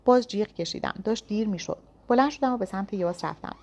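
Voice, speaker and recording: A woman's voice: medium pitch, a little mellow. A woman reading a first-person thriller story aloud with tense, dramatic storytelling. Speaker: narrator.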